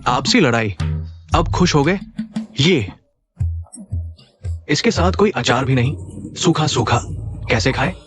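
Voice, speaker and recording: A man's voice: medium pitch, lively intonation, slow, pauses often, music in the background. A young man dubbing a petulant son who pleads and complains. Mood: grumbling. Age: young adult. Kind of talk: dubbed drama acting.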